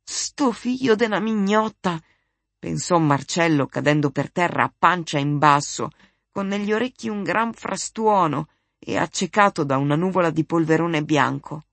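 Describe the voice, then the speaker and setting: An audiobook narrator reading a literary novel in a steady, measured storytelling voice. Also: medium pitch, creaky, no room sound.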